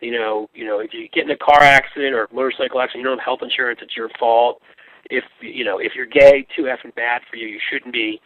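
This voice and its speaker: A man's voice: medium pitch, fairly even intonation, dry recording. Guy calling in on a tinny phone line, dry sound, worked up, keeps stumbling over repeated words. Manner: heated, halting, repeats words before landing a point. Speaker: guest commentator. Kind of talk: political talk show discussion.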